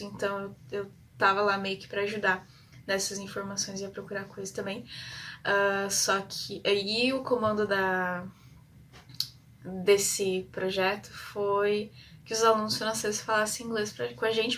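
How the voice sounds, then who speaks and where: This exchange-student vlogger, a young Brazilian woman with a medium-pitched voice, chats in a flat, steady tone, wandering through her story with many fillers and stray English words while describing herself as shy. A faint hum sits behind her, and she seems a bit off-mic.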